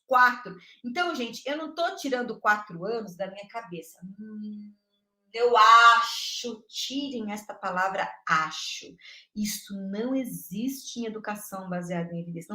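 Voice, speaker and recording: A woman's voice: fairly high pitch, roomy sound. Emphatic woman teaching in a live class. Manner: animated, emphatic, talks straight to viewers with frequent checks. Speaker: educator giving a live online class. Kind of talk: lively live-stream teaching talk.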